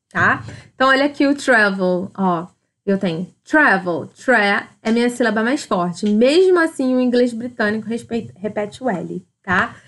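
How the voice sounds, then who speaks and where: A woman's voice: fairly high pitch, a bit bright. A woman, teaching a casual grammar review and often checking with her students. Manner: casual, repeats "tá?" and "ó" to check understanding. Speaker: English teacher. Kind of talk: recorded classroom grammar review.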